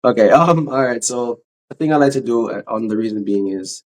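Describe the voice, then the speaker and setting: A man's voice: medium pitch, a little fast, poor audio. A man hosting a podcast, asking questions in a chatty, hesitant way with restarts. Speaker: podcast host. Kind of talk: casual interview.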